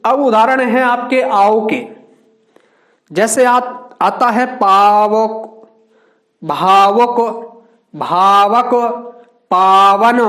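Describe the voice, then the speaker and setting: A male teacher giving a grammar lesson, asking questions and answering them himself, drawing out each example word. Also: very high voice. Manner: slow, drawn-out word examples. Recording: echoey room.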